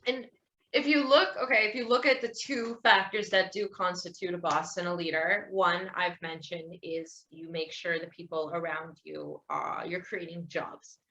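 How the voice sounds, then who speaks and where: A young woman with a bright, clear tone hosts a relaxed podcast conversation. She rambles through her points, restarts her sentences and laughs easily while complimenting her guest. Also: lowish voice, normal speed, a little hiss or hum. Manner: rambling, laughs often, warm praise. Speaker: podcast host. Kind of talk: casual interview chat.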